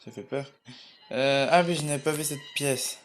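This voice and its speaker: A man's voice: medium pitch, normal speed, soft background music. A young man casually commenting on a horror game as he plays, mumbling and swearing now and then while he eats. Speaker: gamer playing a horror game. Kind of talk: casual let's play commentary.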